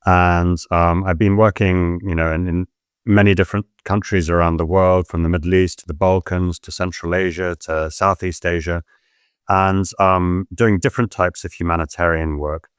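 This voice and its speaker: Deep, smooth middle-aged man. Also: level tone, no room sound, studio quality. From Pakistan. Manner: measured, explanatory, with hedging fillers. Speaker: guest, humanitarian adviser. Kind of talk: casual interview chat.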